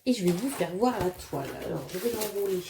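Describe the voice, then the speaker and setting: A woman's voice: mid-range voice, lively intonation, quick pace, gravelly, noisy background. A woman chatting casually as she unboxes a craft kit at home, hesitant with many fillers and plainly enthusiastic. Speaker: crafting vlogger.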